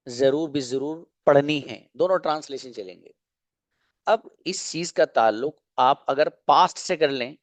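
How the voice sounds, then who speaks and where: A man's voice: on the high side, dry recording. Male teacher with a dry close voice. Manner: explains patiently, repeats example sentences slowly. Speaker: English teacher. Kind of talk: online grammar lesson in Hindi.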